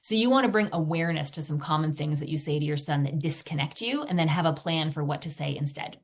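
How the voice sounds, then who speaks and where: A woman's voice: sits low, lively intonation, fast. A woman parenting coach teaching a video lesson in a conversational way, often checking in with her listeners. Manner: acts out quoted phrases parents say to their sons.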